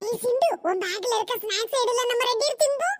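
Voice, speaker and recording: A woman voicing a sly, greedy little village boy in a cartoon, speaking in a hushed, scheming way. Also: extremely high pitch, quick pace. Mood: hushed plotting.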